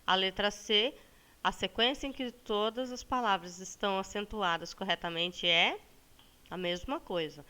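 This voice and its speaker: A woman teacher with a Brazilian accent, walking students through a lesson with patience. She stretches words slowly to show the stressed syllable and often checks in with "tá bom?". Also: mid-range voice, sharp tone, clear, resonant tone. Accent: Brazilian Portuguese. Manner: ends phrases with a checking "tá bom?". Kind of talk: recorded classroom lesson for students.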